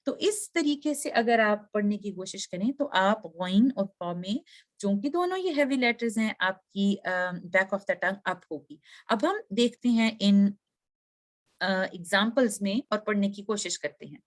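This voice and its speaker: A woman teaching a recitation lesson, patiently explaining and slowly demonstrating sounds, mixing English terms into her speech. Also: mid-range voice, lively intonation. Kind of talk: tutorial lesson.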